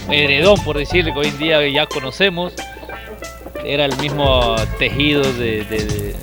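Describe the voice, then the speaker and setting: Testimony, man from Ecuador, mid pitch, halting and reflective, music bed. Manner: reflective with hesitant restarts. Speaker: entrepreneur. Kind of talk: personal testimony. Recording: loud music under interview.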